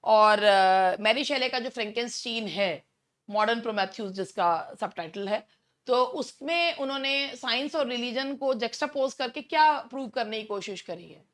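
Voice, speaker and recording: A woman teaching English literature for an exam, mixing Hindi and English, reading out options slowly and then explaining briskly. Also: on the high side, fairly bright tone. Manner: reads multiple-choice options slowly, then explains quickly; addresses students directly with rhetorical questions.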